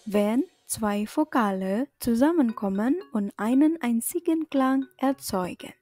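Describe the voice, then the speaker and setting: A woman's voice: mid-range voice, warm tone. A woman teaching a language lesson, carefully enunciating and repeating example words as she addresses viewers as friends. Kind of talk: instructional lesson. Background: background music.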